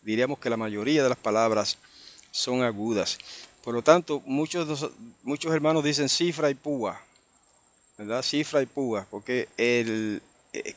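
Slow, deliberate male Bible teacher. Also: medium pitch. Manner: unhurried, explanatory, with frequent tag questions.

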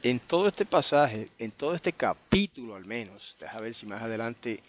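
A man teaching an online Bible study at a middle pitch. He reads each verse aloud and then explains it, thinking aloud as he goes. He keeps checking in with his listeners along the way. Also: sing-song, moderate pace. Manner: thinks aloud with restarts and asides. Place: online group meeting.

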